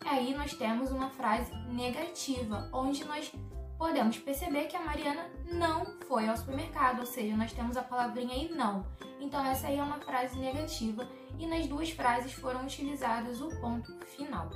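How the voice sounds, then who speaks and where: A woman's voice: high-pitched, moderate pace. A woman teacher giving a patient, explanatory online lesson and reading her examples aloud with emphasis. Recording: roomy echo, faint music.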